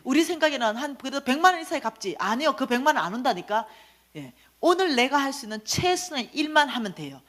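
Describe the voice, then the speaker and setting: A middle-aged woman giving a lively church finance lecture, telling her own story and acting out the voices in it. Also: sits high, quick pace. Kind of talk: testimony sermon lecture.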